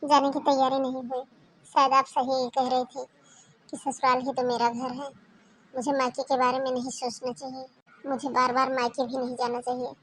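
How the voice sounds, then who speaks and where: A woman voicing a patient, dutiful young daughter-in-law in a cartoon, speaking in a soft, pleading, subdued way. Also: sits high, level tone, normal speed, slight background noise, poor audio. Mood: calm. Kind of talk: Hindi cartoon voice acting.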